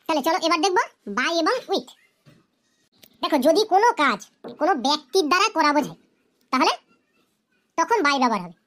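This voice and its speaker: A woman's voice: very high-pitched, expressive, brisk, long pauses, a bit bright. A woman voicing a patient female cartoon teacher in a children's grammar lesson, who asks the class questions and then answers them herself. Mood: explaining.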